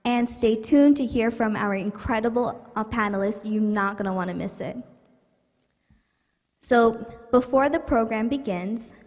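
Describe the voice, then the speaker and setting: A woman's voice: on the high side, unhurried, darkish tone, big-room sound. A young woman from New York hosting a virtual community event, speaking in an earnest, upbeat and welcoming way. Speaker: event host. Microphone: livestream setup.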